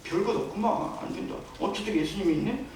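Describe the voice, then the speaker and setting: A man's voice: sits high, quick pace, darkish tone, a little hiss or hum, natural voice. A man voicing a desperate father who begs for help for his possessed son, speaking in a faltering voice. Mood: pleading. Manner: begging, faltering. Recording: very echoey church hall, distant mic.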